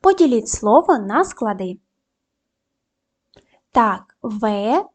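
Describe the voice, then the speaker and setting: A woman teaching a primary school video lesson, giving clear step-by-step instructions and spelling out sounds slowly with upbeat praise. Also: sits high, animated. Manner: clear, slow, syllable-by-syllable dictation; upbeat praise between tasks.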